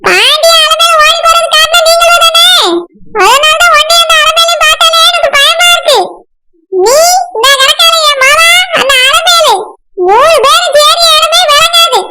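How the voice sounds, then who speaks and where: A woman's voice: very high-pitched, normal speed, very noisy. A woman voicing a stern, controlling village mother with a Kanyakumari accent, scolding in a cartoon. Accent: Kanyakumari Tamil. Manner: scolding, commanding. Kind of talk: cartoon voice acting.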